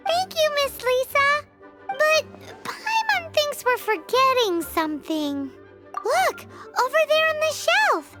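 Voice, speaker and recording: A woman voicing a tiny, childlike fairy companion in a video game, squeaky, perky, excitable and cheeky. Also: slow pace, over music, heavily acted. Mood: curious. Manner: speaks of herself in the third person, suspicious, perky.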